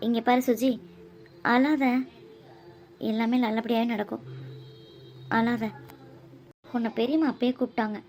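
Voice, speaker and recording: A woman voicing a sharp-tongued, protective young woman in a cartoon who snaps at her cousins. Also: fairly high pitch, steady tone, a little slow, long pauses, slight background noise. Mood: soothing. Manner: snappy, scolding.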